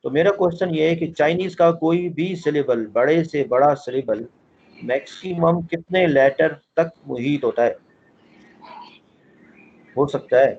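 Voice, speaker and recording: A man's voice: fairly high pitch, unhurried, a little mellow, dull audio, slight background noise. A man teaching a language class online, explaining things step by step and often repeating his point as he quizzes his students. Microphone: online call audio.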